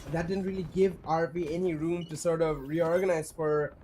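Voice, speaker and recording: A man casts a video game match live, firing off quick excited play-by-play. The game's sounds and callouts stay clearly audible under his voice. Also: a little high. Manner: fast excitable play-by-play, bursts into shouting. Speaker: esports caster. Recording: noisy live game audio behind. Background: game sound effects and callouts.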